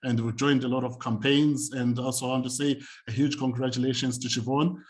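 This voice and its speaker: A man's voice: mid-range voice, level tone, fairly quick. A man from Zimbabwe, a community and youth work practitioner, speaking on a video call panel in a conversational, reflective storytelling manner. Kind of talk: panel talk, personal story.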